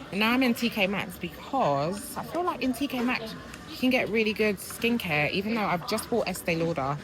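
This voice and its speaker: A woman in her thirties chatting candidly and upbeat in a casual vlog. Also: fairly low pitch. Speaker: vlogger. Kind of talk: casual vlog chat to camera. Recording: noisy background.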